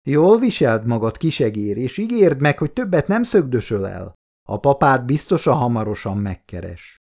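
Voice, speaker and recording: A man reading an audiobook, voicing a kindly old man who talks gently to a little girl. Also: medium pitch, very animated. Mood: gentle. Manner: gentle, coaxing.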